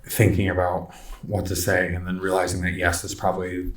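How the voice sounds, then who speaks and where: A man's voice: deep voice, monotone, brisk. A man running a tabletop game, narrating scenes loosely with lots of "sort of" and "like". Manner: loose and descriptive, full of "sort of" and "like". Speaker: game master. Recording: echoey room, distant from mic.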